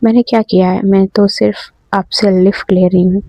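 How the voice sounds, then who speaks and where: A woman's voice: medium pitch, little pitch movement, moderate pace, dark tone, no room sound, dull audio, close to an everyday voice. A woman doing a cheeky teasing student girl. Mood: teasing pleading. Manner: teasing, pleading, playful.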